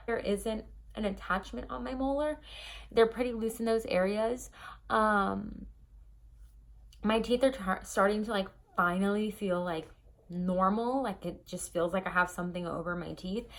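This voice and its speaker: A woman's voice: on the high side, fairly bright tone. Chatty young woman vlogging with a slight lisp. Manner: chatty, rambling, many ums and likes. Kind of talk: casual chat to camera. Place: her bedroom.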